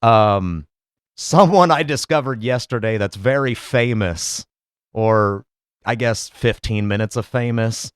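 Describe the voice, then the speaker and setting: A man's voice: lowish voice, slow pace, clear, resonant tone, no room sound, studio quality. A man hosting a solo podcast, talking in a sarcastic, profane, rambling way. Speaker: podcast host. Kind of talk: casual solo podcast commentary.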